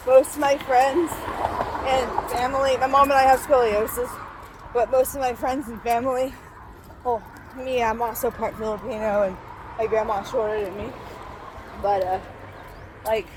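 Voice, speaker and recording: A young woman vlogger with a rather high, slightly mellow, childlike and a bit nasal voice walks outdoors through a town to work, breathless as she rambles into her phone for a casual update. She uses lots of fillers and restarts, and the low-quality recording carries some hiss or hum.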